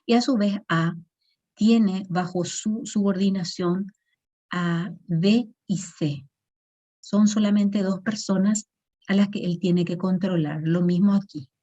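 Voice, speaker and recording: A woman's voice: mid-range voice, steady tone, slow pace, dark tone, dull audio. A woman teaching an online management class, explaining patiently and checking in with frequent tag questions.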